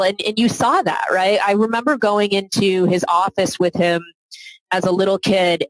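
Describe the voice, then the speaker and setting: A woman's voice: on the low side, no room sound, low-quality recording. A middle-aged woman speaking as a guest in a podcast interview, talking reflectively and often adding "right?" to her sentences. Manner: reflective, adds frequent "right?" tag questions. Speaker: guest, philanthropy advisor.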